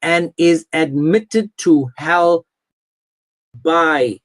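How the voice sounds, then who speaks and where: A man with a fairly high voice hosts a live online religious debate, drawing out his words. He comes across as insistent, confrontational and emphatic, repeating pointed questions.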